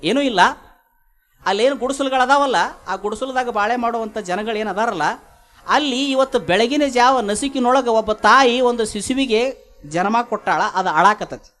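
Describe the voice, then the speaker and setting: A man putting on a serene wandering holy man who answers a king calmly and firmly, in a North Karnataka Kannada accent. The voice is fairly high and the speech measured and plain. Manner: calm, plain-spoken, measured. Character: calm wandering holy man, old, unshaken.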